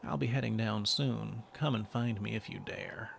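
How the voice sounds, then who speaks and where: A man voicing a brash male warrior in a video game, speaking deep and taunting. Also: steady tone, moderate pace, gravelly, noisy background. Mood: challenging.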